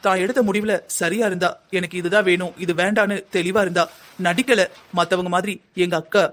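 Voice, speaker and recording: Fast-talking fretful mother, voiced by a man. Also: high-pitched, fairly even intonation, fairly bright tone. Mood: worried. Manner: earnest, lecturing. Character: worried middle-aged mother, talkative and fretful. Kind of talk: Tamil cartoon drama voicing.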